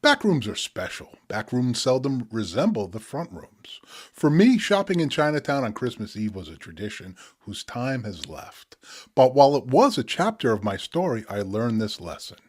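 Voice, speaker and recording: A man in his sixties reciting spoken word poetry in a measured, deliberate delivery with dramatic pauses. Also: medium pitch, big pitch swings, breathy edge. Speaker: poet presenting own work.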